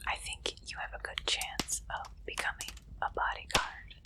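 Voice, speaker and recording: A woman performs an ASMR roleplay as an interviewer, addressing the listener directly at a normal speed in a soft, breathy, playful whisper.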